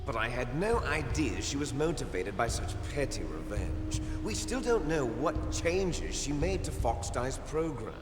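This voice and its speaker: An actor playing a smug, scheming villain in a video game, a treacherous twin brother with a taunting, theatrical delivery. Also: male voice, medium pitch, very animated, a little slow, few pauses. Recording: echoey hall reverb, game music behind.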